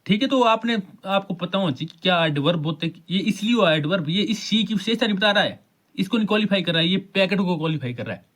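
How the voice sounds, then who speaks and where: Teacher asking himself questions, slightly high-voiced. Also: male voice, animated, fairly bright tone. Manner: slows right down to read English sentences aloud; keeps asking questions and answering them himself. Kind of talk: explaining an exam paper.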